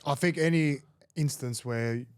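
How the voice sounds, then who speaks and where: A man's voice: mid-range voice, measured pace, clear, resonant tone, dry recording. Casual man hosting, very dry sound. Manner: slangy, informal. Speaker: podcast host. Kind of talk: casual interview.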